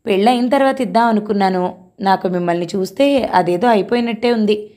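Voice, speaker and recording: A woman voicing a brisk young woman friend who chides and hurries the couple along. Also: medium pitch, warm tone, close to an everyday voice. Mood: bossy.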